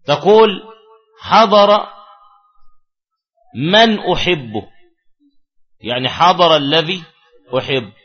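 A man's voice: a little high, lively intonation, measured pace, pauses often, highs cut off. A man teaching an Arabic grammar lesson, repeating key words and asking the class questions.

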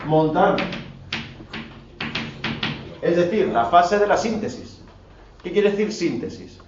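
A man's voice: sits high, lively intonation, slow. A man teaching a philosophy class, lecturing with rhetorical questions and emphatic asides. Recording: roomy, distant, dull, faint noise.

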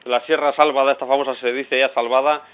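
Fast-talking man explaining on local radio. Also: medium pitch, flat delivery, clear, resonant tone. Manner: explanatory, rambling with restarts. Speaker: radio guest. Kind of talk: radio interview. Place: radio studio. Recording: dull lo-fi radio audio.

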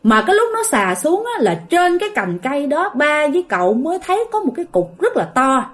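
A woman's voice: high-pitched, sing-song, brisk. A woman telling a ghost story in a chatty way, talking straight to her listeners. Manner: chatty, addresses listeners directly.

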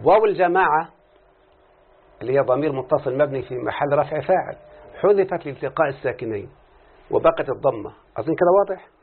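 A man with an Egyptian Arabic accent gives a classroom grammar lesson, working through each point and quizzing his students as he goes. His voice sits a little high and has a husky edge. The recording is thin and tinny, like a phone line. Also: lively intonation, fast. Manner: explains step by step, often quizzing students. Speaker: teacher of Arabic morphology.

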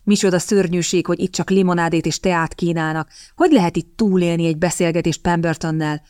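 A woman narrator voices a jovial captain who jokes with his friends in an audiobook. The recording is dry and close, her voice a touch low. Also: fairly even intonation, a little mellow, clear, resonant tone, no echo, natural voice. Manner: jovial, joking.

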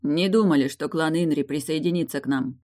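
Woman doing a young guy clan leader, formal and proper, pitched up a bit. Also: fairly quick, darkish tone, close to an everyday voice.

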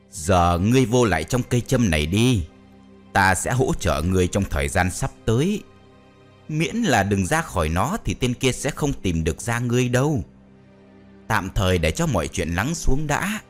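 A man's voice: lowish voice, sing-song, moderate pace, faint music behind. A man voicing a scheming male sorcerer who keeps ghosts, talking in a scolding, grudging way.

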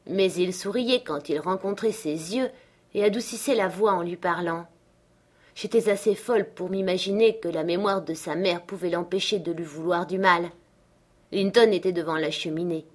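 A woman audiobook narrator with a low-leaning voice reads from a classic novel. Her scripted literary narration is measured and even.

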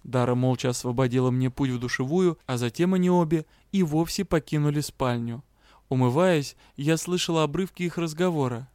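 A man's voice: on the high side, brisk, darkish tone, no echo, clean studio sound. A man narrating a fantasy audiobook in the first person. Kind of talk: scripted narration.

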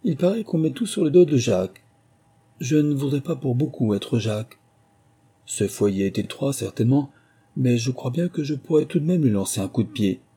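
A man's voice: medium pitch, expressive, normal speed, dark tone, husky. A man voicing a curious, bold little girl in a storybook reading.

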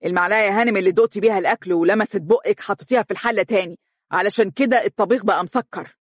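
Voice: mid-range voice, racing, dry recording, lightly acted. A storyteller voicing a joking, affectionate husband in Egyptian dialect, close to the reader's own voice. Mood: mock-stern. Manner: warm joking, mock-stern. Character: joking, affectionate husband who plays stern. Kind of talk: storybook reading.

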